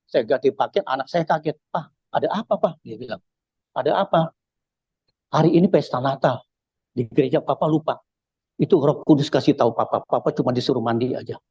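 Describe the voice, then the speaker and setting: A man's voice: medium pitch, fairly quick, pauses often, slightly rough, no room sound, lo-fi sound. A man from Indonesia with a Jakarta accent, giving a casual spoken church testimony and acting out the dialogue as he tells it. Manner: animated storyteller acting out dialogue.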